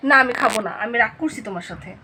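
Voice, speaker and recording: A woman's voice: fairly high pitch, expressive, racing, pushed and bright, slight background noise. A young mother at home talking to her little child in a playfully scolding way, asking the same questions again and again, recorded on a phone. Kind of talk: casual home vlog scolding.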